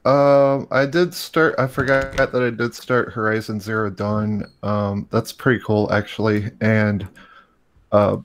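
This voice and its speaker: A man's voice: fairly low pitch, fairly even intonation, unhurried. A man with the flu, co-hosting a casual gaming podcast and cracking crude jokes. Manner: joking, crude humor. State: has the flu. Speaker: podcast co-host.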